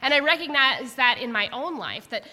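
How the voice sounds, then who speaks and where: A middle-aged woman preaching a sermon in church, reflective and warm, sometimes emotional. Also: sits high, animated, normal speed. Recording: long reverb of a church hall.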